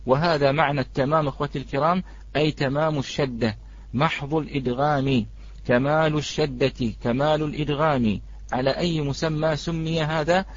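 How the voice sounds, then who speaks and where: A man teaching a live online recitation lesson. He greets the students in the chat and draws out each example word slowly. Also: fairly high pitch, lo-fi sound.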